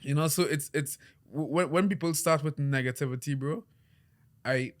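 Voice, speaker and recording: Speaking at a normal speed in a fairly high voice, this young podcast host from Trinidad chats casually, spinning lively stories full of laughter and restarts.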